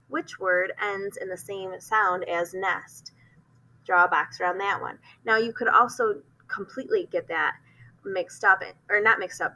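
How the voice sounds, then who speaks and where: Woman teacher, clear bright tone, step-by-step explaining, lots of ums and restarts. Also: mid-range voice, rough recording. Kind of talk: instructional explanation.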